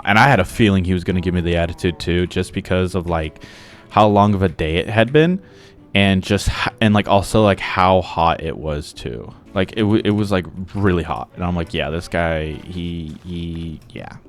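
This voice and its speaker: A man's voice: low-pitched, moderate pace. A young man telling a long, rambling story about work in a casual way while playing a game, full of filler words. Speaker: gaming vlogger.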